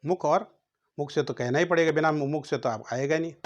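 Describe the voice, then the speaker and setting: A man's voice: fairly high pitch, a little fast, highs cut off. A man teaching a grammar lesson, sounding out letters one at a time and asking questions he then answers himself.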